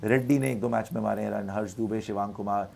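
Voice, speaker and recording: Gravelly-voiced man talking cricket. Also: fairly low pitch, steady tone, fast talker, a little mellow. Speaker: cricket panelist. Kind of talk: casual cricket preview chat.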